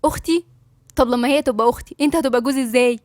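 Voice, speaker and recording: A woman's voice: sits high, rapid-fire, dry recording, clean studio sound, natural voice. A woman with an Egyptian accent voicing a cold, dismissive young wife who answers curtly and sarcastically. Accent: Egyptian Arabic. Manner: curt and sarcastic.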